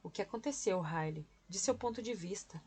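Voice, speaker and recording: A woman's voice: mid-range voice, expressive, fairly quick, a little mellow, natural voice. A woman reading the lines of a stern older woman who owns a plant nursery, in an audiobook.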